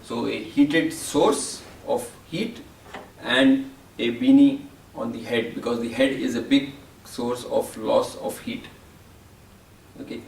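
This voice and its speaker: A man acting as a medical educator, calmly summarizing newborn resuscitation steps one by one. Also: medium pitch, takes it slowly, vocal fry, reverberant, far from the mic, slight background noise, poor audio. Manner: calm, step-by-step explaining. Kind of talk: teaching summary.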